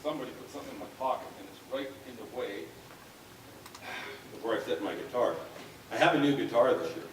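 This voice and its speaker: A man's voice: mid-range voice, quick pace, pauses often, background noise. A man hosting and performing, chatting casually between numbers on stage. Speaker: performer and regular host. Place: live on stage at a gathering. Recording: very echoey hall, distant microphone.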